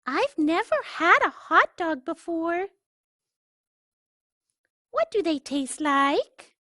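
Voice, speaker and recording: A woman reading aloud puts on a tiny, curious duckling from a storybook, sweet and politely questioning. The voice sits very high and bright. It is close and dry. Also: animated, slow, no echo, full character voice.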